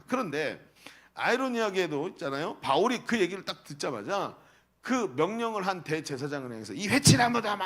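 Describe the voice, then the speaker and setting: A man's voice: high-pitched, fairly bright tone. A male pastor preaching a sermon, asking the congregation rhetorical questions.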